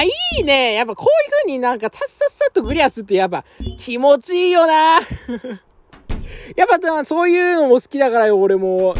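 A young man doing casual let's-play commentary at home, talking roughly to himself and his viewers with quick chuckles. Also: sits high. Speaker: game streamer. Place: apartment room at night, keeping his voice down.

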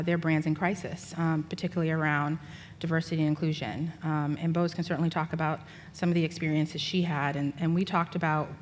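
Woman, 40s, low-pitched conference moderator, measured delivery, reverberant hall with faint noise. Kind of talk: onstage interview. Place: large conference stage.

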